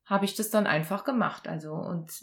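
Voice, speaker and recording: A woman as an interview guest, telling a personal story in conversation with lively acted-out dialogue. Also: lowish voice, brisk, creaky. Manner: animated, acts out quoted dialogue.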